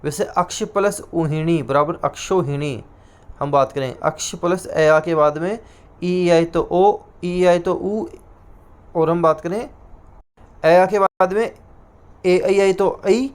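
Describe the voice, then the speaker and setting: A male teacher with a Rajasthani Hindi accent giving an exam-prep lecture, repeating each answer slowly as if dictating terms. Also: high-pitched, a little mellow.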